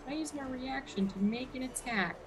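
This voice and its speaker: Excited, foul-mouthed woman gaming. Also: high voice, brisk, soft background music. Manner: excited, profane. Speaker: tabletop game player. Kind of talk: casual chat.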